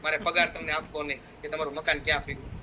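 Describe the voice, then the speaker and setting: Middle-aged guy giving a fired-up motivational talk, high bright voice, a bit of traffic hum behind. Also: flat delivery, very fast. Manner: fervent, exhorting, acts out quoted friends. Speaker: motivational speaker.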